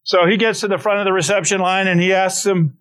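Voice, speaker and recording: A man's voice: high voice, steady tone, fast talker, fairly bright tone. A middle-aged man preaching a conversational sermon, telling stories with frequent restarts and asides. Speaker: pastor.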